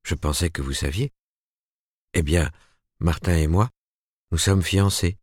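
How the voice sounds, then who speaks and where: A man's voice: deep voice, a little slow, slightly rough, no room sound, clean studio sound. A man reading the part of an earnest, lovestruck young woman in an audiobook, tremulous and pleading.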